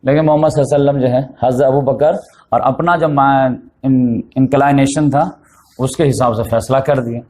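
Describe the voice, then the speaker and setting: Telling the Prophet's life as a story, a man gives an Urdu religious lecture, dropping in English words and speaking forcefully whenever he takes on the voices of the people involved. His voice is medium-pitched, steady, and darkish in tone.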